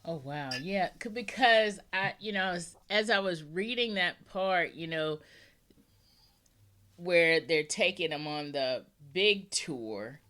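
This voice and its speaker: Chatty, easygoing woman host; slow, laid-back pacing with frequent laughs. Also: on the low side, animated, a bit bright. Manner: chatty, rambling, laughs often. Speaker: podcast host. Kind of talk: casual interview chat.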